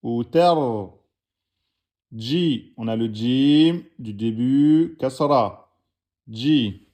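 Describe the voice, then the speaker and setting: A man's voice: medium pitch, drawn-out words, highs cut off. A man teaching the Arabic alphabet, patiently correcting written exercises and spelling out each letter and vowel aloud. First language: French-speaking audience.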